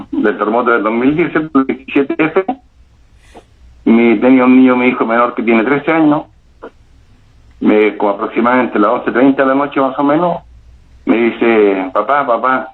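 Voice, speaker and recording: A middle-aged man with a Chilean accent, calling in to tell a personal paranormal experience, speaking haltingly with frequent restarts and repetitions. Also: mid-range voice. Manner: halting, repeats himself, many restarts. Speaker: caller telling a paranormal experience. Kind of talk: first-person storytelling. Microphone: phone. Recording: tinny phone line.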